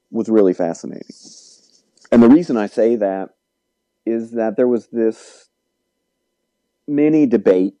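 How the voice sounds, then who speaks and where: Measured, deep-toned economics professor. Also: male voice, dark tone, dry recording, highs cut off. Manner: measured, lecturing. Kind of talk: explanatory interview answers.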